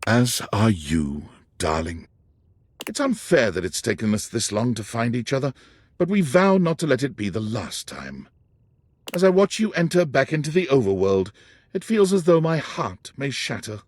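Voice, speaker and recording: A man giving scripted narration in a video game, soft and storytelling. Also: medium pitch, big pitch swings, normal speed, no echo, clean studio sound.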